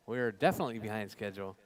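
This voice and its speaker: A man's voice: on the low side, fast talker. A man working as a race announcer, giving informal live commentary and repeatedly calling out drivers and positions. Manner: informal, repetitive calls to drivers.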